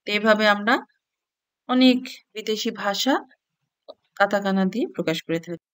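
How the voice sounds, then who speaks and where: A woman's voice: medium pitch, no room sound. A woman teaching a language lesson, reading syllables out one by one from a chart. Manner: reads sounds one by one, clear and unhurried.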